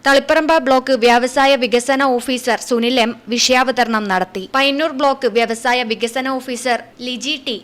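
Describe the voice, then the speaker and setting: A woman newsreader reading local news in a formal, measured delivery. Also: sits high, fairly even intonation, a bit bright.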